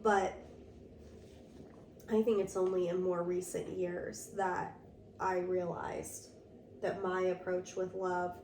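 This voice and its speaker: A young woman co-hosting a casual podcast chat, slightly hoarse, talking earnestly and reflectively with lots of fillers. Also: lowish voice, little pitch movement, slow, long pauses, darkish tone. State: slightly hoarse from a sore throat. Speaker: podcast co-host. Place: room with door open to rain. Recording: roomy echo, mic at a distance, faint background noise.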